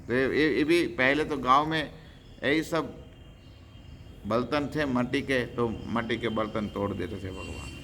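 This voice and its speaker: A man's voice: mid-range voice, a little slow, vocal fry, a bit bright, slight background noise. A man preaching a devotional lecture, telling stories animatedly, acting out characters and chanting verses.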